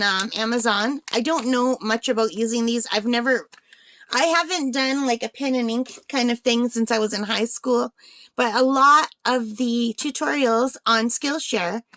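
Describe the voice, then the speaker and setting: A craft channel host unboxes supplies in a chatty, think-aloud style. Her slightly high, somewhat bright voice sounds a little worn, as she's feeling under the weather.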